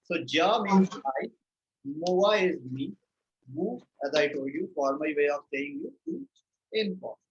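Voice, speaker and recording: A man's voice: fairly high pitch, expressive, a little slow. A young man with an Indian English accent teaching a live language lesson, patiently repeating words and checking in with "right?" and "okay". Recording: dull lo-fi stream audio with faint noise.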